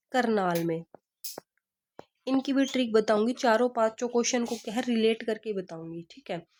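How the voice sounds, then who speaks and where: A woman's voice: fairly high pitch, a little mellow. A woman teacher gives an exam-prep lesson, repeating each question and answer and teaching memory tricks. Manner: repeats questions and answers, asks rhetorical "kya hai?".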